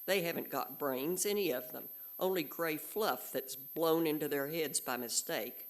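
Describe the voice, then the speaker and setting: A woman reading a storybook aloud and voicing a melancholy old male donkey in a slow, mournful way. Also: low-pitched. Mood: gloomy.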